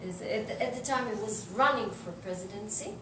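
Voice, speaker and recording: A middle-aged woman with an Israeli accent tells personal anecdotes in an informal interview, halting and searching for words. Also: mid-range voice. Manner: halting, searching for words in non-native English. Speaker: journalist being interviewed. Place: indoors in a living room, seated on an armchair. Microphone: distant camera microphone. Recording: roomy, noisy recording from a distance.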